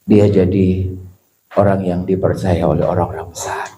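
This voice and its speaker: A male pastor preaching a sermon, telling a story and quoting other people, and sometimes rising to a shout. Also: sits low, flat delivery, normal speed. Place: church. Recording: echoey church hall.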